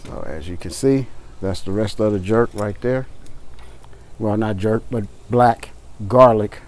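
A man with a fairly low voice talks casually to his viewers outdoors. His delivery is folksy and unhurried, circling back over phrases. A little background noise sits behind him. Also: a little mellow. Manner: folksy, addresses viewers as y'all and guys. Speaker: barbecue vlogger. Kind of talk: casual chat while grilling. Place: outdoors beside a backyard grill. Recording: outdoor noise with faint sizzle.

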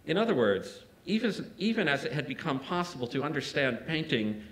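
A man's voice: on the high side, very animated, poor audio. Man reading an art-history lecture. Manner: measured, with small restarts and asides. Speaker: art critic giving a museum lecture. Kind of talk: reading a prepared lecture aloud. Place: museum lecture hall.

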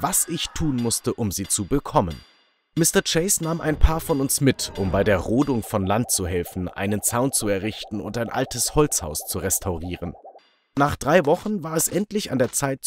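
A man reading a first-person story as scripted narration with an animated, expressive delivery. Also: mid-range voice, slight background noise.

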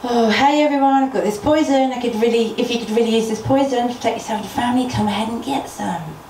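A woman's voice: medium pitch, a little fast, a little hiss or hum, natural voice. A woman voicing a poisonous female marigold flower who calls out and pleads in a storytelling. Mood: calling out. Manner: calling out loudly, pleading. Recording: roomy, voice from a distance.

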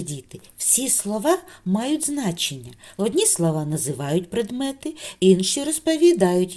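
A woman teaching young children a speech lesson, speaking slowly and clearly in a sing-song way. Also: mid-range voice, dark tone. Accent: Ukrainian. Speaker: kindergarten teacher.

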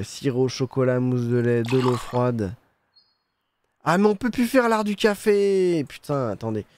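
Young man streaming a game, mid-pitched, teasing and sarcastic, swears a lot, dry close recording. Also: darkish tone, no room sound. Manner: joking, sarcastic, swears freely, hums sound effects. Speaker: gaming streamer. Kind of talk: casual let's-play commentary.

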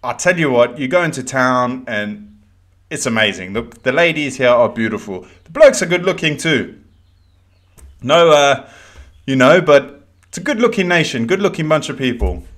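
A man's voice: medium pitch, lively intonation, moderate pace, fairly bright tone. A man, chatting casually while reacting to a video in a small room at home, rambling with frequent restarts. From South Africa.

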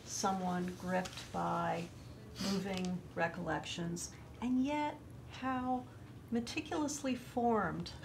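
A woman's voice: medium pitch, creaky, a little hiss or hum. A woman in her sixties hosting a poetry discussion in a scholarly, enthusiastic way. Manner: enthusiastic and scholarly, laughs often. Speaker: host of a poetry discussion show. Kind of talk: conversational literary discussion. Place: studio set, indoors.

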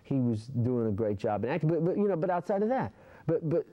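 A man's voice: a little high, big pitch swings, brisk, dull audio. A young man in a casual interview indoors, talking animatedly and rambling with many fillers. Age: young adult. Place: indoor room.

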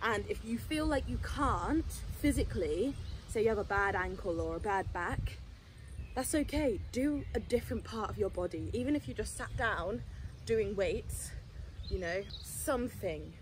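A woman's voice: mid-range voice, animated, normal speed, a little hiss or hum, poor audio. A young woman chatting casually to her phone camera as a vlogger, upbeat and poking fun at herself. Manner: chatty, upbeat, self-mocking. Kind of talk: casual vlog chat. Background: background music.

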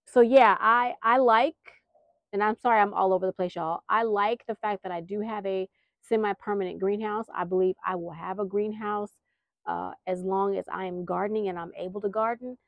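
An American gardening vlogger hosts a casual, rambling update while filming around her backyard garden, chatty, folksy and a little apologetic. Her medium-pitched voice is creaky, with fairly even intonation at a moderate pace. The recording is dry and the audio dull.

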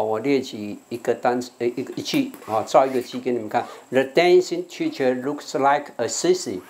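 A man's voice: medium pitch, a little mellow, slight background noise. An older man, a monk from Taiwan with a Taiwanese Mandarin accent, teaching an English vocabulary class and repeating words for students. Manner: repeats words to drill pronunciation, coaxing the class.

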